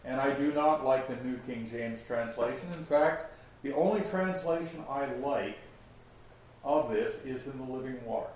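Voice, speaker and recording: A man teaching a Bible study, explaining verses slowly and asking his class questions. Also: mid-range voice, darkish tone, slight background noise. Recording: echoey room, distant lo-fi mic.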